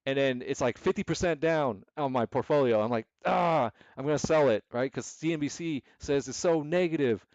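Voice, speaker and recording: A man hosts an investment club livestream, commenting casually on the market in a medium-pitched, slightly mellow voice that's fairly quick with few pauses. He rambles, repeats himself, restarts often, and acts out panicky, emotional traders. The home mic sounds dry and slightly dull, with no echo.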